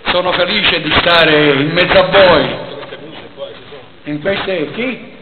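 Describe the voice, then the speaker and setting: Tinny, echoey high-pitched Sicilian man on stage. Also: takes it slowly. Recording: tinny, distant, echoey hall, loud noise.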